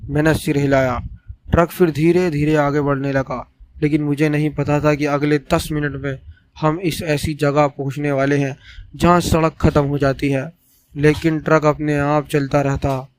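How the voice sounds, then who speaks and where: A man telling a scripted first-person horror story in a steady, suspenseful way. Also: on the high side, normal speed, dry recording.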